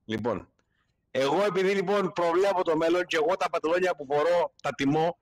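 A man's voice: a little high, poor audio. A man, roleplaying a police officer in a game, stern, bossy and lecturing.

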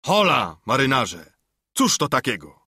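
Brief: brash one-legged sea cook, bellowing and boisterous, lively and husky, a male reader puts him on. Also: medium pitch, measured pace, no room sound, studio quality, full character voice.

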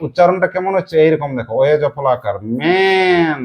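A woman's voice: deep voice, animated, fast, background noise. A woman teacher with a Purulia Bengali accent gives a classroom lesson, prompting her pupils to answer aloud in call-and-response.

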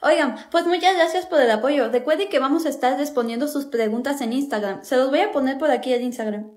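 Sassy high-voiced young woman. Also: fast, a little mellow. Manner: sassy, playful delivery. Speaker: comedy sketch creator. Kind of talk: acted comedy skits.

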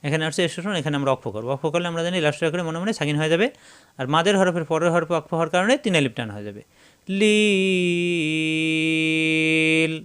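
A man teaching Quran recitation, spelling out syllables slowly and then chanting the verses drawn out. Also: a little high, expressive, clear, resonant tone.

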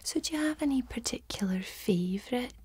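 A young woman with a Scottish accent in a whispered role-play as a helpful librarian, speaking in a soft, breathy library whisper. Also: on the high side, animated. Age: young adult. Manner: slow, hushed, gently helpful. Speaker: ASMR performer playing a librarian.

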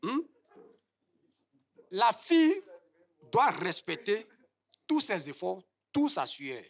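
A man speaking from a studio audience, slow and earnest. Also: high-pitched, sing-song, vocal fry, fairly bright tone. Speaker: audience member. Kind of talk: audience comment in a debate.

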